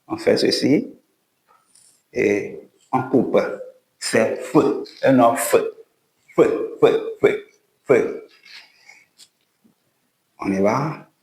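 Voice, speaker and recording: Here a language teacher with a medium-pitched, slightly mellow voice leads a writing lesson at a board. Slowly and patiently, he demonstrates each stroke of an alphabet's letters, teaching both reading and writing; the sound is roomy and low in quality.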